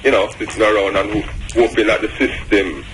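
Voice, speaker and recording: A man's voice: fairly low pitch, fairly even intonation, a little fast, a bit bright, slight background noise, poor audio. An older man answering conversationally as a radio guest.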